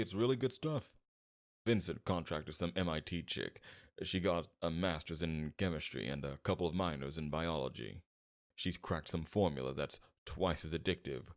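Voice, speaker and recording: In a scripted ASMR roleplay, a man voices a smug mob boss with a very deep voice and heavy fry. Suave and teasing, he draws out his flirtation freely while veiled threats keep a menacing edge beneath it.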